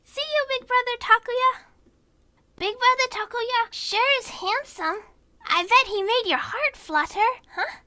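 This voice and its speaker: Squeaky little anime sister. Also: female voice, a little slow, bright, forceful tone, dry recording, heavily acted. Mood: cheeky. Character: cheeky, excitable second-grade little sister. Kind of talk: anime fan dub acting.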